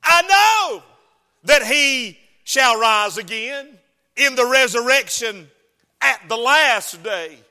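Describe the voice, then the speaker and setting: A woman's voice: a little high, expressive, takes it slowly, full character voice. A man voicing a grieving, impulsive woman who cries out in anger and pleading, in a hall with long reverb. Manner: raised, shouting outbursts.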